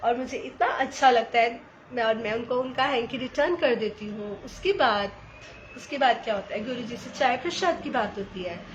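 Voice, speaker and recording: A woman sharing a personal devotional testimony in an animated storytelling way, slipping English phrases into her talk. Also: a little high, moderate pace, a little hiss or hum. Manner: addresses listeners as sangat ji.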